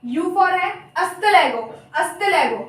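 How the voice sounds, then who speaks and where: High-voiced young woman teaching, echoey. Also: lively intonation, a bit bright, distant mic. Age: young adult. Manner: chatty, apologetic, repeats terms slowly. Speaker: biology teacher. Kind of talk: casual Hindi lecture with mnemonics. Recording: echoey room, voice off-mic.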